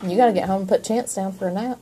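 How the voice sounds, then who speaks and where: Young woman chatting casually, medium pitch. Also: racing, noisy background. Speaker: patient's partner filming. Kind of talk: casual chat. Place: small indoor clinic recovery room. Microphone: handheld camera, she is behind it.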